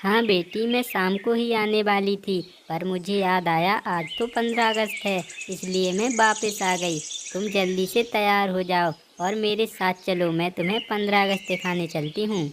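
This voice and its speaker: Woman as mother sparrow, cartoon, caring, gently scolding, noisy background. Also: mid-range voice, steady tone, normal speed, few pauses, natural voice. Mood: gentle.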